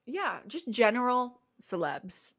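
Bright, giggly young woman podcaster. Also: on the high side, slow. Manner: giggly, animated storytelling. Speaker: podcast co-host. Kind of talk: casual chat. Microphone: close podcast mic.

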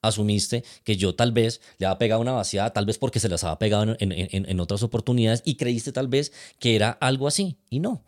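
A man, a father calmly recounting a parenting dispute to his partner, with many restarts and a habit of asking "¿sí?". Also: lowish voice, fast talker, hardly any pauses. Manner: hesitant, many restarts, frequent tag "¿sí?". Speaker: father of twins. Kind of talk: calm personal account to partner.

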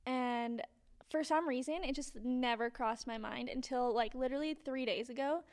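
A woman's voice: high-pitched, moderate pace, smooth. A young woman with a Valley girl way of talking, chatting casually as a podcast co-host. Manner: Valley-girl talk, peppered with "like" and "literally". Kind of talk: casual chat.

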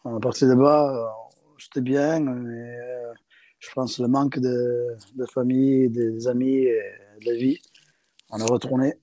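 In a casual interview, a South African rugby player speaks hesitant second-language French, full of fillers and restarts. His mid-range voice is mellow and level, a little slow, with no room sound.

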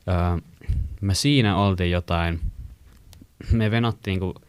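A young man from Finland casually telling a long story to friends, rambling with many fillers and getting animated when he quotes people. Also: sits low, clear, resonant tone, no echo.

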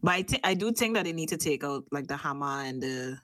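A woman's voice: sits low, animated, fast, fairly bright tone, slight background noise. A woman co-hosting a casual gaming podcast, chatty and a bit trailing. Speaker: podcast co-host.

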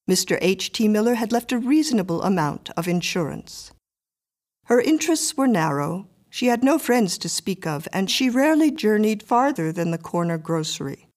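A woman narrating a story in an even, measured reading voice. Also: mid-range voice.

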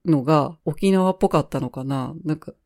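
A woman's voice: low voice, moderate pace, mellow. A woman hosting her own podcast, telling a travel story in a casual, cheerful way with fillers and laughs. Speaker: podcast host.

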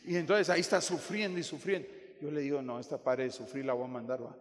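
A man preaching a sermon in a joking, animated way, addressing listeners as brother. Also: mid-range voice, quick pace. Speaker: pastor. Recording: long hall reverb.

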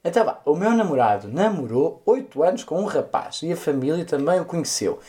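A camp, sharp-tongued man with a European Portuguese accent banters and swears his way through a listener email on a podcast. His pitch swoops up and down expressively as he talks, theatrical and sassy throughout. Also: animated, brisk. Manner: camp, sassy, swears freely, dramatic exclamations. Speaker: podcast co-host. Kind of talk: casual comedic chat, reading a listener email.

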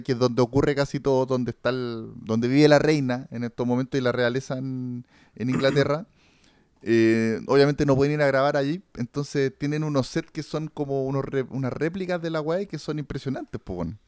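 A man's voice: mid-range voice, darkish tone, smooth, no echo, studio quality. A man with a Chilean accent hosting a podcast, talking casually and rambling about a series, full of slang and fillers. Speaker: podcast host. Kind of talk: casual chat reviewing a series.

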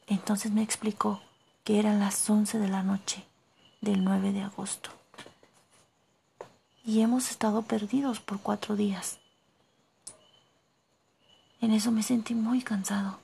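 Whispering woman storyteller, slow and gravelly, dark tone, hushed first-person narration. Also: mid-range voice, level tone, a little hiss or hum.

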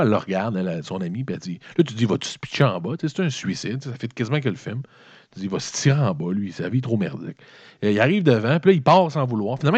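A man's voice: lowish voice, breathy edge, no echo. A man with a Québécois accent, recapping a movie in a rambling, swearing, comedic way. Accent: Québécois French. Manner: swearing, animated, colloquial storytelling. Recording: dull, lo-fi dry recording.

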